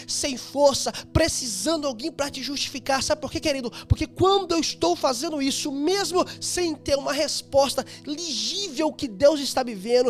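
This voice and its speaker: A man delivers a sermon in a notably high voice, repeating his phrases for emphasis. At times he sinks into a soft, hushed tone. Faint music plays behind him. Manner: repetitive, emphatic preaching with soft hushed stretches. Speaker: preacher.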